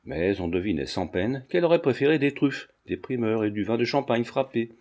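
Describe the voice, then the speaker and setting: A man reading a classic novel aloud as a measured, steady narrator. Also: mid-range voice. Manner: measured, storytelling. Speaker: audiobook reader. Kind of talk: scripted narration.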